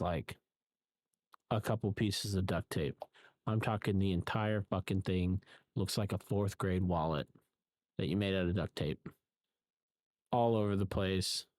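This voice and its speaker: Halting, low-voiced man recapping a film. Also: darkish tone, no echo. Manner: rambling, halting, frequent ums and restarts. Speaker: film reviewer. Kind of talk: casual spoken recap.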